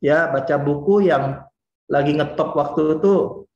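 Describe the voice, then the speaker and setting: A man in his forties from Indonesia giving a lively, chatty motivational talk and speaking straight to his listeners. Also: on the high side, a little slow, roomy sound, highs cut off. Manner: lively and chatty, often addresses the listeners directly.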